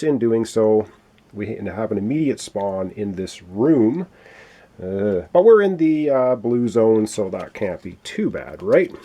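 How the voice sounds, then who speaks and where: Losing his voice, a man casually explains a tabletop game playthrough, chatty and full of fillers. His voice is mid-range with a dark tone and a breathy edge.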